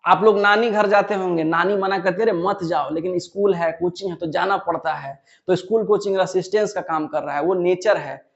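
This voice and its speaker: High-voiced male physics teacher. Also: steady tone, fairly quick, highs cut off. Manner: repetitive, asks questions then answers them himself. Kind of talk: classroom lecture.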